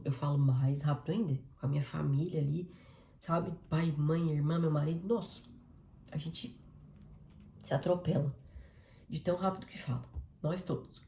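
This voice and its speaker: A woman, talking quickly and directly to her listeners in a casual devotional live stream. Her voice sits a little low and has a gravelly edge. It sounds like an echoey room. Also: slight background noise. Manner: fast, warm-hearted, conversational, addresses audience as "gente".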